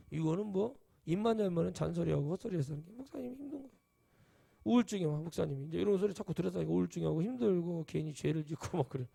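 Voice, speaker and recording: A male pastor preaching a sermon emphatically, jumping to sudden high exclamations and acting out quoted voices. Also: creaky, warm tone.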